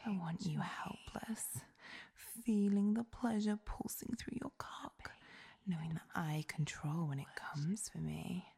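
Woman playing a slow, whispering, seductive goddess. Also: fairly low pitch, steady tone, darkish tone, exaggerated voice. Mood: commanding, sensual. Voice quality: breathy, creaky whisper. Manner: breathy, commanding goddess voice, slow and sensual. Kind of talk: whispered role-play.

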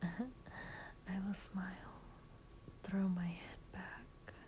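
A woman's voice: medium pitch, drawn-out words, darkish tone. A woman in an intimate whispered role-play, speaking tenderly and breathily as a partner reading poetry to someone lying in her lap.

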